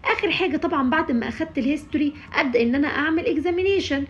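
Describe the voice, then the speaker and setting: A young woman with an Egyptian Arabic accent, working as a physiotherapy tutor, explains a study sheet in a high, animated, rapid-fire voice. She mixes English medical terms into her speech and uses lots of fillers. The recording sounds muffled.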